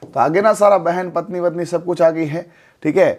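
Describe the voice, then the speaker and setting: A man gives a classroom lecture for exam students. His voice sits a little high. He talks in a relaxed, chatty way, firing short questions and answering them himself. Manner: chatty, repeats and quizzes with quick questions. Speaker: exam coaching teacher.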